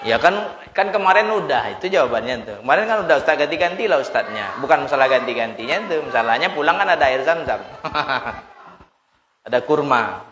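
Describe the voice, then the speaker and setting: Lively preacher man in an echoey hall. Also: mid-range voice, brisk, highs cut off. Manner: animated storytelling, mimics voices and chants, laughs often. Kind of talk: humorous sermon. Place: prayer hall with congregation. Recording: echoey hall, faint room noise.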